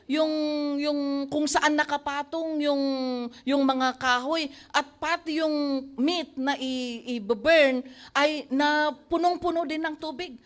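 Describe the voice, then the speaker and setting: A woman pastor with a Filipino accent preaching a sermon. She tells a Bible story in a lively way, laughs often, and acts out the voices of its people. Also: sits high.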